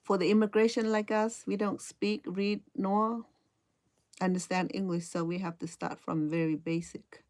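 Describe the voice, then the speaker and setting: A woman's voice: mid-range voice, level tone, moderate pace, a little mellow. A middle-aged woman from Cambodia with a Cambodian accent, hesitantly chatting with viewers while teaching crochet and often repeating her words. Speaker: crochet instructor. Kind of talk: casual live-stream chat while crocheting.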